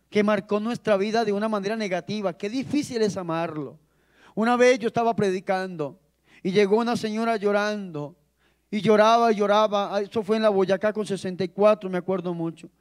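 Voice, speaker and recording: A man's voice: sits high, darkish tone. A priest giving a sermon, asking the congregation questions and stretching words out for emphasis, with big rises and drops in his delivery. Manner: preaching with dramatic rises and drops, drawn-out emphasis.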